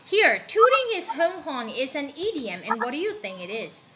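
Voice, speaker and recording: A woman's voice: sits high, normal speed, muffled recording, noisy background. A woman from Myanmar teaching a class, asking her students questions as she goes and slipping into Burmese now and then. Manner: animated, asks students questions, switches into Burmese. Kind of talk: classroom lesson.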